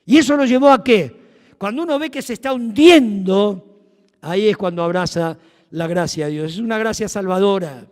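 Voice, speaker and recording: A man with a Rioplatense Spanish accent preaching a sermon, emphatic and swinging from loud to hushed. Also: high voice, moderate pace. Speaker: pastor. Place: church. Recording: long reverb of a church hall.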